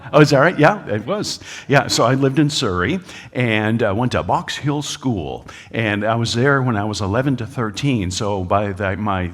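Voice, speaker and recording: A man's voice: lowish voice, big-room sound. A man giving a public lecture to a live audience, folksy and joking, with frequent filler uhs. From United States. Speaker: speaker at a creationist talk. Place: lecture hall.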